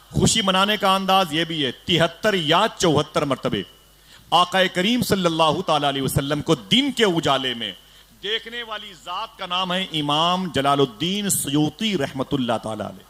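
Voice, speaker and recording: A man from India preaching an emotional sermon to a gathering, telling a story with hushed lows, sudden loud cries and calls to the crowd. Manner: dramatic, swings from hushed to loud exclamations, calls on audience. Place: gathering for a religious celebration.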